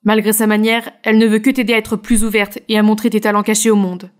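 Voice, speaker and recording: A woman voicing a caring young male best friend in an animated story dub, speaking in a gentle, reassuring way. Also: mid-range voice, fast, clear, resonant tone, lightly acted.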